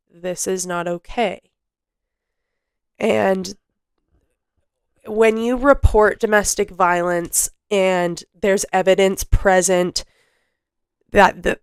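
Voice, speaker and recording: Young woman podcast host, slow emotional monologue, smooth clear voice, dry close sound. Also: medium pitch, no echo. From Canada. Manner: emotional, halting, with restarts. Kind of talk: personal storytelling monologue.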